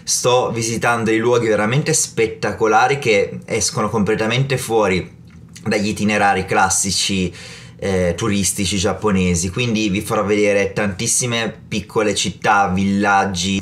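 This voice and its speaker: A man in his thirties with a slightly low voice. He speaks casually to the camera like a travel vlogger. He is recorded indoors in a small room, a short way from the camera's microphone. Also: a bit bright. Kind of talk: casual talk to camera, snack tasting.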